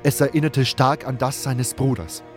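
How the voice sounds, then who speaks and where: A man's voice: mid-range voice, steady tone, normal speed, soft background music. A man reading a scripted first-person fantasy story as its narrator.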